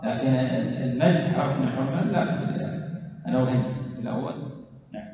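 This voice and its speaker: A man's voice: mid-range voice, fast talker, dark tone. A man teaching a religious lesson, explaining a text, repeating phrases and chanting examples aloud. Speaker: teacher of Islamic law. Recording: echoey hall, distant mic, dull sound.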